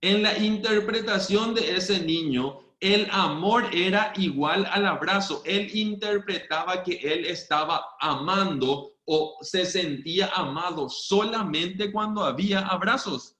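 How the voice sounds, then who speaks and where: A man's voice: high voice, unhurried, hardly any pauses, sharp tone, reverberant. A man giving an online training talk, earnest and often checking in with his listeners. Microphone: video call.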